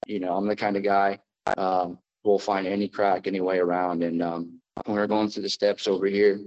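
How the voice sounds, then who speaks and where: Low, even-voiced American man addressing an audience. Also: muffled recording. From New Jersey, United States. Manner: addressing a live group, plainspoken, halting. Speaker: speaker at a recovery meeting. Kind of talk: personal testimony in front of an audience.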